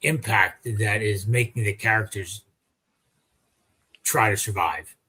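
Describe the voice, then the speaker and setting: A man hosting an interview, talking in a thoughtful, halting way with restarts. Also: lowish voice, bright, forceful tone, breathy edge. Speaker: host. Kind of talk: casual interview chat.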